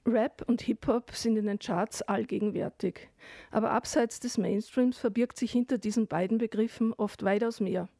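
A woman reads a scripted radio introduction in a smooth, measured voice. Her tone is slightly high yet warm and mellow, recorded dry and close on a studio mic. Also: no echo. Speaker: radio magazine host. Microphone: close studio microphone.

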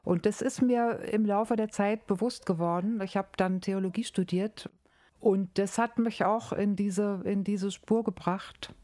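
A middle-aged woman from Berlin, a professor, explaining her field in a measured academic interview. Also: medium pitch, a little mellow, dry recording, studio quality. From East Berlin, Germany.

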